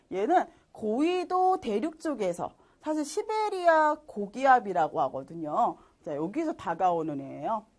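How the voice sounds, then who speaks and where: Lively woman teaching science. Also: mid-range voice. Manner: lively, chatty, asks students rhetorical questions; laughs at herself while drawing. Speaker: middle school science teacher. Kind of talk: online lecture.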